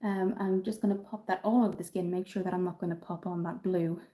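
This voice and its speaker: A woman from Dublin, Ireland, chats casually and upbeat on a beauty livestream, answering viewer comments with plenty of ums. Her voice is on the low side and warm, fast-paced with fairly even intonation. She's recorded on a phone camera.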